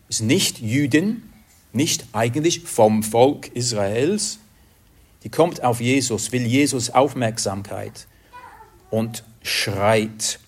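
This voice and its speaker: A man with a husky, medium-pitched voice preaches a sermon slowly and earnestly. At times he searches for the right word.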